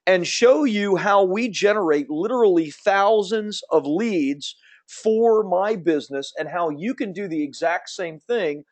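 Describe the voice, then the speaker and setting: Pitching to viewers online, this man in his fifties hosts a fast promotional webinar, racing through it in an upbeat, salesy way. He's from Central Florida with a slight Southern accent, and his somewhat high male voice carries a darkish tone.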